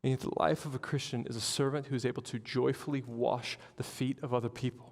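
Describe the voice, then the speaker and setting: Male pastor, mid pitch, animated sermon delivery, reverberant church hall. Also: fast, creaky. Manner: animated storytelling with acted-out quotes.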